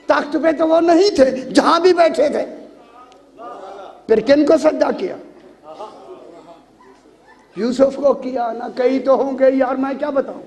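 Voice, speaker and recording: A man preaching a storytelling sermon on a microphone, emphatic, often shouting and laughing as he questions his listeners. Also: extremely high pitch, vocal fry. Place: religious gathering hall. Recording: long hall reverb, faint crowd.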